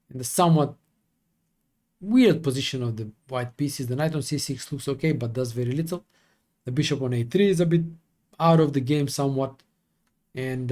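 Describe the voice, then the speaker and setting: A man working through chess opening lines as a coach, thinking aloud with fillers and quick self-corrections. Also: medium pitch, a little mellow.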